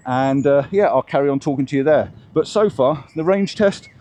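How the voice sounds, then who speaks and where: Speaking at a moderate pace in a mid-range, dark voice, a man thinks out loud as he tries out and shows off gear for his vlog in a relaxed product demo. The clip moves from riding a bike outside to an indoor setting.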